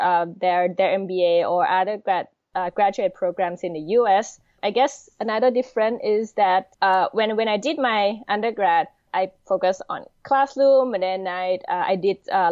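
A Thai woman in her thirties, speaking with a Thai accent, is a podcast guest who answers interview questions hesitantly, with lots of pauses and fillers. Her medium-pitched voice is a little mellow, captured in a dry recording with dull lo-fi sound.

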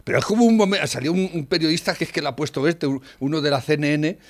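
Ranting man who swears and shouts. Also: on the high side, fast talker. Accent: Spanish from Spain. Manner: blunt, swears freely, rants loudly with frequent "¿eh?". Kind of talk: casual political chat.

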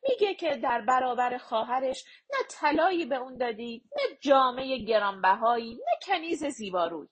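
Woman reading a proud young prince, formal and demanding, bit breathy, lively up and down. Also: on the high side.

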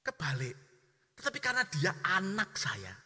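Animated male preacher in a reverberant hall. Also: high-pitched, normal speed, background noise. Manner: animated, acts out quoted voices, addresses congregation as saudara. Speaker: pastor. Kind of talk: sermon.

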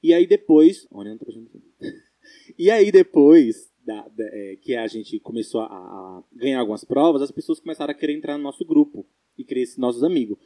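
A young man with a Brazilian Portuguese accent, telling stories as a podcast co-host in casual chat, animated and laughing. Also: medium pitch, a little fast.

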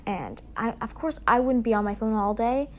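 Teen girl podcast co-host, higher voice, rambling and giggly, phone-recorded. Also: lively intonation, normal speed, a little mellow. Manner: rambling, giggly, many fillers and restarts. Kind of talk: casual chat.

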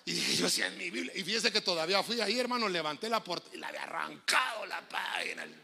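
A middle-aged man with a Honduran Spanish accent, preaching a lively sermon, telling jokes and stories and acting out voices. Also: high voice, fast talker, gravelly. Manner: joking, storytelling preacher, acts out voices. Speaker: pastor.

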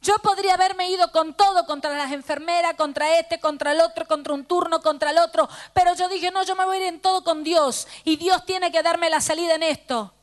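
Woman pastor, Rioplatense accent, very high voice, fervent sermon testimony, middle-aged. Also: steady tone, fairly quick, hardly any pauses. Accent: Rioplatense Spanish. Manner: fervent storytelling, quoting dialogue.

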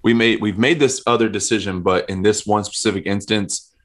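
Earnest man with a lowish voice. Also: fairly even intonation, fairly quick. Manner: earnest, repeats words while thinking. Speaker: worship leader. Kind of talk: casual podcast conversation.

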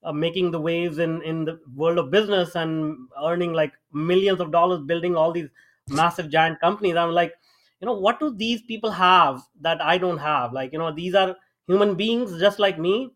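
His voice a little high and fairly bright at normal speed, a middle-aged AI founder from India shares his life story in a podcast interview. He has an Indian accent and uses many fillers and restarts.

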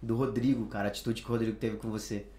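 A man with a Brazilian Portuguese accent hosting a podcast, chatty and quick to laugh, using casual slang. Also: lowish voice, little pitch movement, a loud crowd. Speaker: podcast host. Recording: echoey room.

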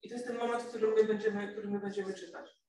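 Young male preacher, high-pitched, casual searching delivery, recorded from afar in a reverberant hall. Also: little pitch movement, racing, dark tone. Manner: conversational, searching for words. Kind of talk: sermon. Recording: echoey room, distant mic.

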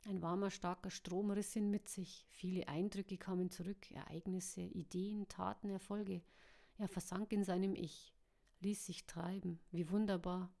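A woman narrating a storybook chapter in a steady, even reading voice. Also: lowish voice, unhurried, creaky. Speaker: audiobook narrator.

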